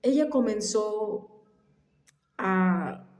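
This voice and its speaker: A woman with a mid-range, animated voice unhurriedly shares a family story in a relaxed way, recorded in a room with noticeable echo. She halts occasionally, drops into quiet whispers, and says she has allergies.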